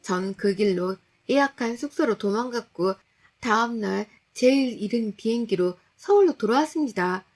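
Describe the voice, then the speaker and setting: A woman's voice: a little high, expressive, moderate pace, a little mellow. Woman earnestly narrating a true story. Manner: earnest, anxious retelling.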